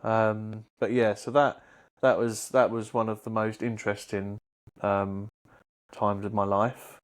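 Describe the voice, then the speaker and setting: A man in his thirties co-hosting a casual podcast chat, swearing a lot and jumping high in pitch when he argues. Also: little pitch movement, a little slow. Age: 30s. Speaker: podcast co-host.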